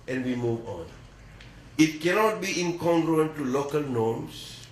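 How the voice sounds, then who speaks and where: Earnest preacher in an echoey room. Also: male voice, on the high side, a bit bright. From East Africa. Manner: measured, earnest preaching with deliberate pauses. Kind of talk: religious sermon.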